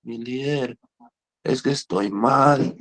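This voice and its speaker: A man's voice: mid-range voice, slow, a bit bright, rough recording. A man mimicking a male patient who fakes illness and pleads in a whiny, complaining voice. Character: whining sick male patient faking illness.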